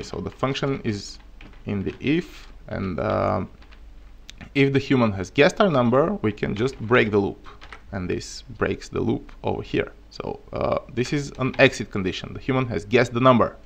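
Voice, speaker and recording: A man with a Bulgarian accent, a native Bulgarian speaker, runs a live coding stream where he teaches programming, musing aloud and joking in a laid-back way via a desk mic at his computer. His medium-pitched voice is unhurried and has vocal fry.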